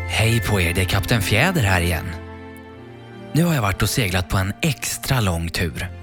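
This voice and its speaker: A man hosting a children's story podcast, narrating a fairy tale in a friendly, gently paced storytelling voice. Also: on the low side. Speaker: storyteller host.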